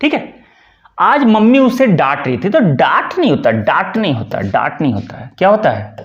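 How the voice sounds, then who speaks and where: Male grammar teacher, animated high-ish delivery, repeats key words, slightly dull online-class sound. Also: normal speed. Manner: explains with everyday examples and asks himself questions; repeats key words and says "ठीक है" often. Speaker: Hindi teacher. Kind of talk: exam-prep lecture.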